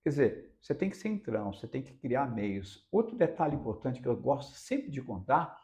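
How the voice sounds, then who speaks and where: Animated gravelly Brazilian radio reporter. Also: male voice, medium pitch, moderate pace. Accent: Brazilian Portuguese, Minas Gerais. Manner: animated, emphatic, repeats phrases for stress. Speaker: radio reporter, interview guest. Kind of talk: casual interview storytelling.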